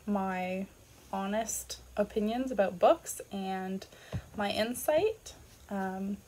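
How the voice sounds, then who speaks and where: Speaking slowly in a mid-range, darkish voice, a Canadian woman in her late twenties talks books on her vlog. Her chatter is loaded with "like" and "um," and she keeps laughing at her own expense.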